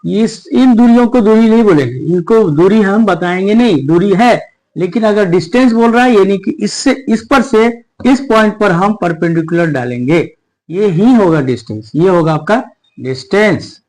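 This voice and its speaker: A man with a high voice teaches a maths class. His pitch rises and falls a lot as he explains. He keeps checking whether his students follow him. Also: animated, moderate pace, a little mellow, rough recording. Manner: explains step by step, asks the class questions. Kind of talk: whiteboard maths lesson.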